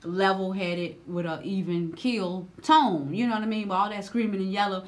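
A reaction vlogger, a woman in her thirties, gives loud, expressive commentary full of casual slang, and her voice swings high when something riles her. She talks at a normal speed, seated indoors and recorded on a camera.

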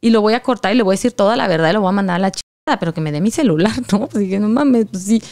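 A young woman with a Mexican Spanish accent telling a personal story in casual chat, animated and slangy, acting out what people said. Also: medium pitch, very fast. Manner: animated, slangy, acts out quoted lines.

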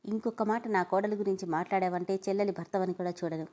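A woman's voice: medium pitch, steady tone, fast, lightly acted. Woman voicing a stern older father who commands. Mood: furious. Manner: sharp, commanding rebukes.

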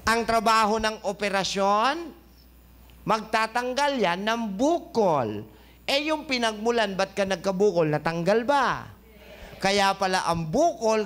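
Male doctor-host, high-pitched, jokey lecturer who keeps quizzing the room, studio. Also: animated, a little slow, a bit bright. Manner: joking, quizzing listeners with questions. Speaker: health talk show host and doctor. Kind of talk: lively health lecture.

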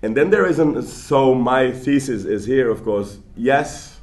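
A man giving a public lecture in an animated, conversational way, often restarting his sentences, in a large lecture hall. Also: medium pitch, unhurried. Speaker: guest lecturer.

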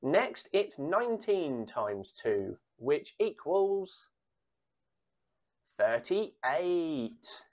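A woman calls bingo for a children's times tables game, reading out sums and their answers. She speaks very slowly and measuredly, her pitch swinging lively, pausing before each answer and repeating the digits.

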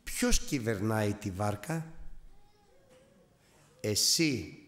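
A man preaching in a sermon who voices the Lord as a calm, authoritative male voice, speaking low and measured. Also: close to an everyday voice. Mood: calm questioning. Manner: slow, low, measured questioning.

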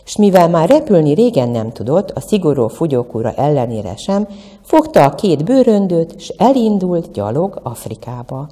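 A woman's voice: sits low, big pitch swings, dark tone, big-room sound. A woman, a museum educator, telling a children's story expressively. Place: museum room.

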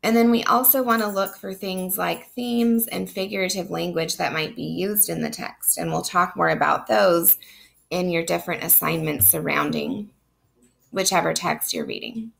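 A woman's voice: on the low side, expressive, moderate pace. A woman teaching literature in a recorded online lecture. She is sick and losing her voice, so it sounds strained, and she explains steadily with frequent ums. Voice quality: gravelly, strained voice. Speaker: literature instructor.

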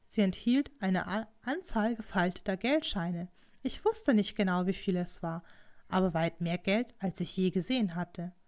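A woman reading an audiobook in calm, scripted narration. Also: medium pitch, normal speed. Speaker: audiobook reader.

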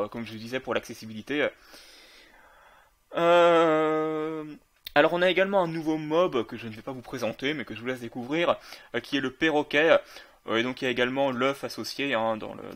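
A man's voice: mid-range voice, a bit bright. A man casually commenting on a video game while playing, with many fillers and self-corrections. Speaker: gaming video creator.

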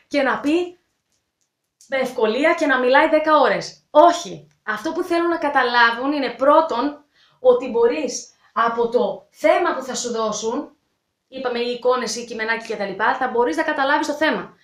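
A woman from Greece hosts a casual video lesson, talking directly and chattily to her students. Her voice sits high, and a roomy echo hangs around it. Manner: chatty, direct, addresses viewers as kids. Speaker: English teacher and channel host.

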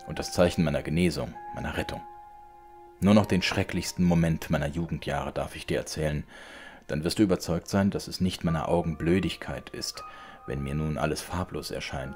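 A man reading a classic tale aloud as an audiobook, in a measured, dramatic way. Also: extremely low pitch, a little mellow. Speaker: audiobook reader. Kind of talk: scripted literary narration.

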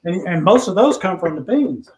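A man's voice: high-pitched, lively intonation, moderate pace, darkish tone, poor audio. A man hosting a casual cooking livestream, talking easily while he cooks. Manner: easygoing, talks while cooking. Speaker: cooking show host.

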